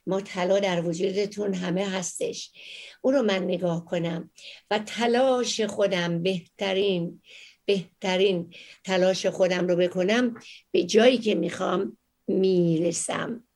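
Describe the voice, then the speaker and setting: A middle-aged woman psychologist talks straight to her live audience, leaning hard on key words and stretching them out. She then rushes through other thoughts in quick bursts, with plenty of fillers as she thinks aloud. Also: medium pitch, fairly even intonation, a little mellow. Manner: emphatic, drawn-out stresses and fast bursts. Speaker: clinical psychologist hosting a live advice show. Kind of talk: live advice talk to viewers.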